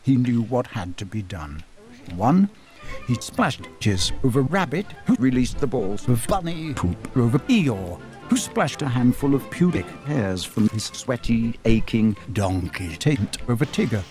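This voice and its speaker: A man's voice: mid-range voice, very animated, measured pace, darkish tone. A man narrating a crude parody of a children's storybook in a mock-serious reading voice. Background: music.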